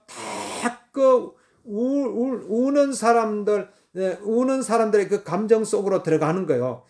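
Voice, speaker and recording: A man delivers a sermon in a high voice. He talks emphatically, repeating phrases and filling pauses as he goes. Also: a little mellow. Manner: repetitive, emphatic preaching with many fillers. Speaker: preacher.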